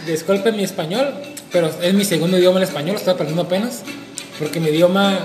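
A man co-hosting a casual panel discussion talks fast in a high-sitting, slightly mellow voice, hesitating and searching for words while dropping dry jokes. The room is echoey, with music playing behind.

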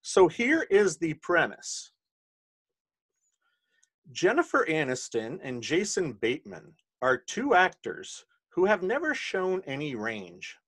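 A man's voice: high-pitched, huge pitch swings, takes it slowly, fairly bright tone, slightly rough. A man hosting a podcast on a video call, running a party game in joking, profane casual chat. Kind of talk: casual late-night chat.

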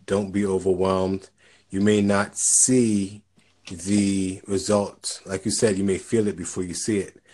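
A man's voice: deep voice, flat delivery, a little slow, dark tone. A man talking earnestly in a casual conversation, giving encouragement and often repeating words as he starts a thought.

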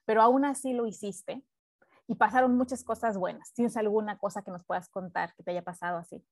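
A woman hosting a podcast, chatting in a lively way and asking her guest questions. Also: medium pitch, a little fast, dry recording. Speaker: podcast host. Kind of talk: casual interview chat.

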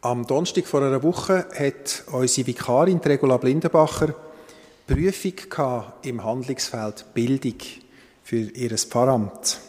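Slow, solemn pastor in a reverberant church. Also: male voice, mid-range voice. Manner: calm, measured, solemn delivery. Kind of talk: slow liturgical prayer and scripture reading.

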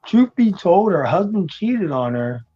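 A man from the United States, raised in New York and Florida, talking as an interview guest in a relaxed, hesitant way with many ums. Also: sits high, a little slow, husky, lo-fi sound, soft background music. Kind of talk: casual interview chat.

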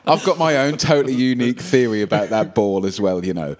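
A man's voice: lowish voice, steady tone, brisk, a little mellow. A man co-hosting a podcast, swearing freely as he spins his own theories in casual chat. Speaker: podcast co-host.

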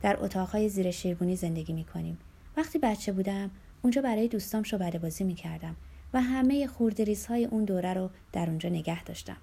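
Lady doing a soft reassuring young wife, husky low-toned voice, audiobook. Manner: gentle, reassuring.

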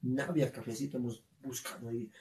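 Man, Bolivian accent, podcast co-host, animated storytelling, echoey room. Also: medium pitch, fast. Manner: animated, laughing, slangy storytelling. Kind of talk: casual chat, storytelling. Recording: roomy, distant from the mic.

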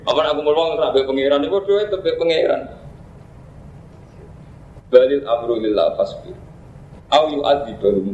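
A man with a Javanese accent giving an informal religious lecture, joking with listeners and slowing down to recite Arabic verses. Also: mid-range voice, a little mellow, echoey room, highs cut off, a little hiss or hum. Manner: jokey, mixing Javanese chatter with slow Arabic recitation. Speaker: Islamic cleric teaching a classical text.

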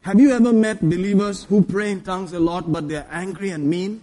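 A man's voice: high-pitched, drawn-out words, mellow. A male preacher, speaking in short phrases for an interpreter and joking often with laughter. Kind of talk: sermon with interpreter.

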